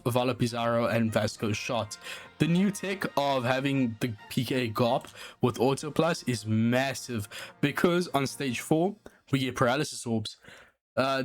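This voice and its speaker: A man with a South African accent hosting a gaming channel, casually walking through a team strategy with frequent filler words. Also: mid-range voice. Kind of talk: game strategy walkthrough. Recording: voice-over with faint guitar music underneath. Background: faint background music.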